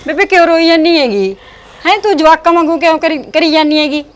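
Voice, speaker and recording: A woman playing a high-voiced, consoling Punjabi woman. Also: fast. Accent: Indian Punjabi. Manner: consoling, firm. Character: caring woman comforting the old grandmother. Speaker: daughter-in-law in a family drama. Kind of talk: village web drama acting.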